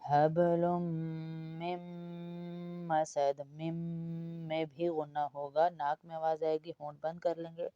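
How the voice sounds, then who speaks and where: A woman teaching Quran recitation word by word, drawing out each word slowly and then explaining quickly. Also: deep voice, level tone, mellow, no room sound, highs cut off, soft background music. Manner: slow drawn-out recitation alternating with rapid explanations.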